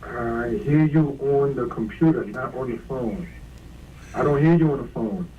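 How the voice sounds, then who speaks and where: A man's voice: medium pitch, measured pace, a little hiss or hum. A man calling in by phone, lecturing in earnest about scripture. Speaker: caller. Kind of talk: phone-in argument. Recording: distant tinny phone line.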